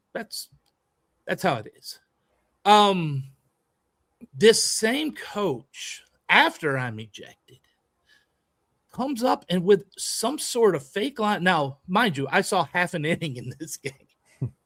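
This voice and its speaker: A man co-hosting a podcast, telling a story in a lively, emphatic way and acting out a heated argument. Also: high-pitched, dry recording. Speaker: podcast co-host and youth baseball coach. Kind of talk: animated storytelling in casual chat.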